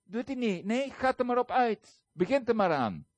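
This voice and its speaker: High-voiced man preaching with animated storytelling. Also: normal speed, no echo. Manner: conversational, frequent hesitations. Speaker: guest preacher. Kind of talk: sermon.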